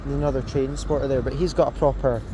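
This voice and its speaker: A man's voice: mid-range voice, fairly even intonation, fast talker, dark tone. A man chatting informally to a companion, making casual running remarks as he films trains on a phone. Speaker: amateur train spotter filming. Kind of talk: casual chat while filming. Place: railway station platform. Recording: phone recording with station background noise.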